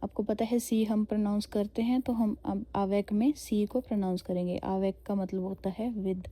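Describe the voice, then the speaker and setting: A woman's voice: medium pitch, fairly even intonation, normal speed, warm tone. A woman teaching a beginner language lesson online. She explains patiently, spells words out letter by letter, and checks in with "okay?" between points. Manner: explains patiently, mixing Hindi and English, frequent "okay?". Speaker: French teacher.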